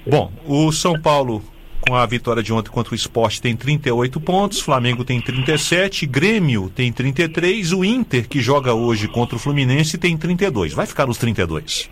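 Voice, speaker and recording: A man with a Brazilian Portuguese accent hosting a radio sports show, briskly running through results and standings. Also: mid-range voice, lively intonation, a little hiss or hum. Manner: brisk, reads scores and standings.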